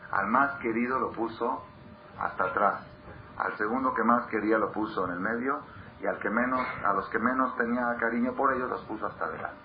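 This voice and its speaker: Teaching a Torah class to a live audience, a man with a medium-pitched voice speaks fairly quickly and emphatically, repeating words for stress and questioning his listeners. The recording is dull and lo-fi, with clear background noise.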